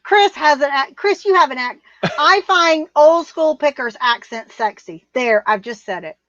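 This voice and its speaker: Blunt middle-aged lady rambling on a livestream, highish voice, dry dull audio. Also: animated, moderate pace, fairly bright tone, no room sound. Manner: blunt, rambling, laughs often. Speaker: livestream co-host reading viewer comments. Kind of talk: casual live chat. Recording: muffled, dry sound.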